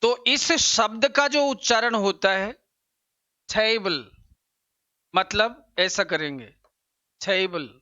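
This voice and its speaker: A male teacher works patiently through an exam-prep lesson. His voice is high and bright, and he speaks slowly. He repeats each pronunciation for his students, recorded dry with a slightly dull tone. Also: lively intonation, smooth, dry recording. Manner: slow, explanatory, repeats pronunciations, addresses students directly. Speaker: English teacher.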